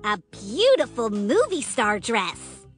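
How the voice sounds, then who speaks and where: A woman narrating a scripted children's story with animated, dramatic build-up. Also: on the high side, slow pace, soft background music.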